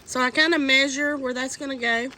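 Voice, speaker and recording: A high, sharp voice with fairly even intonation and a fairly quick pace comes from a homesteading vlogger stuffed up from a cold. She casually explains repotting seedlings outdoors in the wind, homey and instructive, with faint wind noise.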